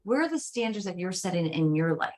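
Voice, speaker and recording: A woman's voice: lowish voice, big pitch swings, brisk, darkish tone. A woman guest coach speaking in casual interview chat, emphatic and persuasive, leaning on rhetorical questions.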